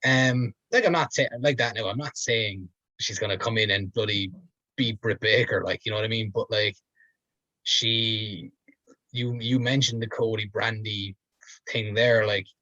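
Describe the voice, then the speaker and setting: A man's voice: fairly low pitch, steady tone, measured pace, bright, forceful tone, dry recording. A man, co-hosting a podcast, talking in a rambling, hedging way full of fillers. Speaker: podcast co-host. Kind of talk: casual chat. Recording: dull lo-fi dry sound.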